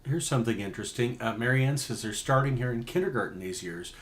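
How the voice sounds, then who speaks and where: A man co-hosting a live stream in casual chat, passing on viewer comments and shout-outs. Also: mid-range voice, expressive, fast talker. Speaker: co-host reading viewer comments.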